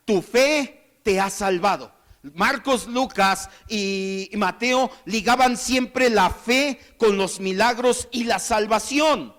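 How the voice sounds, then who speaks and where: A male pastor preaching a sermon, acting out the shouts and voices of the Bible figures. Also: high voice, takes it slowly.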